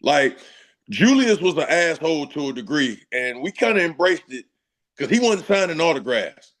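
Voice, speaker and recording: A man with a fairly high voice talks football on a casual show, emphatic and full of slang. He jokes along as he makes his points, speaking as a former player. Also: big pitch swings, normal speed, fairly bright tone. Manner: emphatic, slangy, laughing asides. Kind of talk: casual sports talk.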